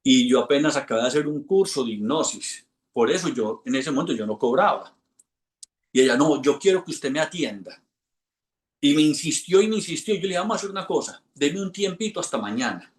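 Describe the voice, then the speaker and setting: A man, an instructor telling a lively anecdote to a class and acting out the voices in it. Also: on the high side, quick pace, roomy sound. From Colombia. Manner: animated storyteller, acts out quoted voices. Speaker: hypnosis instructor.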